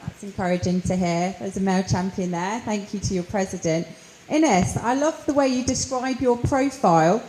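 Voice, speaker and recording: Female panel moderator, mellow tone, encouraging questions, roomy sound. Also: mid-range voice, moderate pace, slight background noise. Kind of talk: panel discussion. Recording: echoey room with faint ambience.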